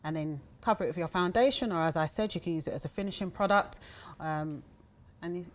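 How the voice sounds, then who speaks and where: A woman's voice: fairly low pitch, fast talker. A woman with a London accent, the founder of a cosmetics brand, demonstrating a product in a chatty way with lots of ums. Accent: London English. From England. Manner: chatty, giggly, many ums.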